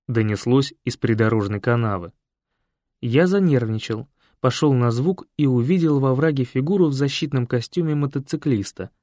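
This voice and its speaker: A man reads a funny first-person tale with lively comic timing, his mid-pitched voice sitting close and dry with no room echo. The telling is brisk and narrative, built for the punchlines. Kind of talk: humorous story narration.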